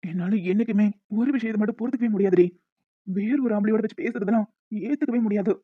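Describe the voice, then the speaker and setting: A stern young husband who talks fast and firmly, hurt but still tender, as a performer voices him. The sound is dry and slightly muffled. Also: medium pitch, no room sound, lightly acted. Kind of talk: Tamil audio romance drama. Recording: dull dry lo-fi recording.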